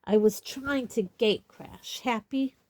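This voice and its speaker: A woman's voice: fairly high pitch, a little slow, warm tone, no echo, natural voice. A woman voicing an arrogant, defensive teenage boy who snaps angrily. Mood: angry, defiant. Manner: angry, snappish.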